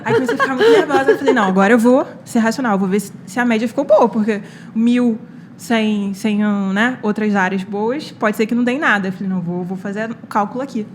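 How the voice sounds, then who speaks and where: A woman's voice: medium pitch, fairly quick, a little hiss or hum. A young Brazilian woman, a medical student guest, telling a personal story on a casual podcast with many quoted lines and fillers. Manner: animated retelling with quoted dialogue and many fillers.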